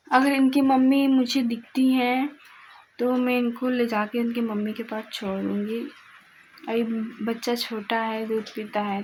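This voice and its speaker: Young woman, casual home vlog, chatty, repeats phrases, slightly high voice, faint background noise. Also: poor audio. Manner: chatty, repeats herself, warm with the kitten. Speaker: vlogger. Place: at home, near a railway line.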